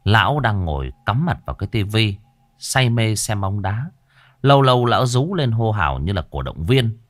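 A man narrating a ghost story in a dramatic, lively way. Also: on the low side, normal speed, no room sound.

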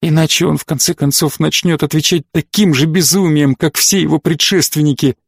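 A man voicing an emotional young woman who pleads softly and then flares into anger, in an audiobook. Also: fairly high pitch, fairly even intonation, fairly quick, vocal fry, breathy edge, dry recording, studio quality. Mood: pleading. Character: distraught pregnant woman, emotional and fierce.

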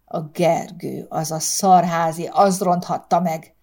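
Woman reading as a gruff drunk husband. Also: lowish voice, fairly even intonation, a little mellow. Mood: anguished. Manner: bitter, strained. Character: gruff drunk working-class husband and father.

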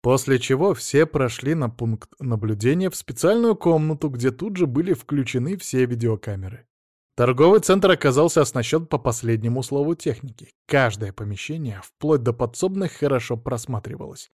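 A man reading an audiobook in a measured storytelling manner. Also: mid-range voice, expressive, a little mellow, dry recording, clean studio sound. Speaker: audiobook narrator. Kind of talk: audiobook narration.

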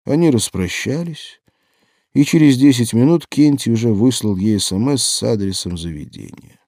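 A man narrating an audiobook in a measured storytelling manner. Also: medium pitch, dark tone, no echo, studio quality. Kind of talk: scripted narration.

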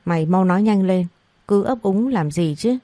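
A woman's voice: mid-range voice, normal speed, mellow, no echo, close to an everyday voice. A woman voicing a young wife in an audio story who is a panicked, sobbing best friend, flustered and tearful.

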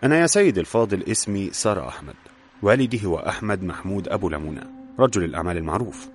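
A man reading the lines of a lively young woman who writes for a magazine, asking curious questions in a storybook reading. His voice stays low and his own. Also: racing, a little hiss or hum.

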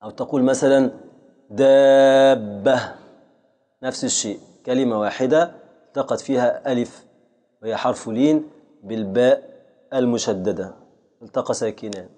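A man with an Egyptian accent, a sheikh giving a classroom lecture on grammar and patiently repeating each example slowly. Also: medium pitch, dark tone. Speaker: sheikh teaching a grammar text.

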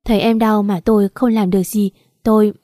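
A woman voicing a gentle, teasing young male teacher in a romance story. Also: mid-range voice, flat delivery, a little fast, dry recording, studio quality, close to an everyday voice. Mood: tender.

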